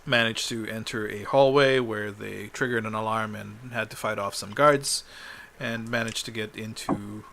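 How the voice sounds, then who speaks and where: A man running a tabletop game as game master, recapping the last session in a halting way, full of ums and uhs. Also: fairly low pitch, fairly even intonation, creaky, fairly bright tone.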